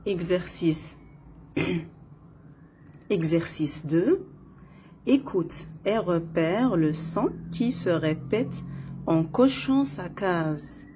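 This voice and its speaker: A woman with an Arabic accent leads a French phonics lesson at a very slow, deliberate pace, repeating every word and breaking it into syllables. Her voice sits a little low. There is a faint hiss of noise behind her. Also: animated, mellow. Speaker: French teacher.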